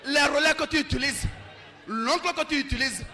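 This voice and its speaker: A male pastor leading a shouted deliverance prayer, fervently repeating short commands over and over. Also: very high voice, moderate pace, a faint crowd.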